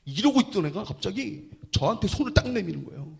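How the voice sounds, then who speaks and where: A man preaching a sermon and telling his story with drama, dropping from loud to hushed. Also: high-pitched, sing-song, quick pace, gravelly, a little hiss or hum. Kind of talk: sermon testimony.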